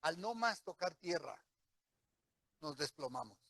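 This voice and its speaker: A man's voice: a little high, sing-song, measured pace, creaky, sharp tone, slightly rough, no echo. A middle-aged man preaching a sermon, telling a personal testimony vividly and acting out what people said.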